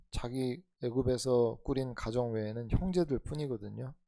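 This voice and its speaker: A man's voice: mid-range voice, creaky, warm tone, no room sound. A male pastor preaching an expository sermon in earnest, urging tones, full of rhetorical questions. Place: church sanctuary.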